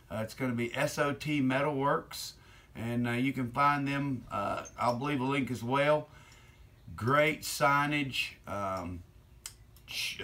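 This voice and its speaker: The channel's middle-aged host chats without hurry as he does hands-on work in a cluttered workshop indoors. A weakness on one side of his mouth slightly slurs his bright, forceful, medium-pitched voice, recorded by a camera on the bench a step or two away.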